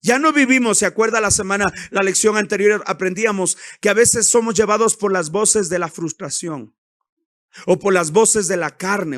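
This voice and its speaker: A man's voice: high-pitched, a bit bright, dry recording, studio quality. A male pastor preaching a sermon, swelling into emphatic passages and calling out to his congregation. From Ecuador.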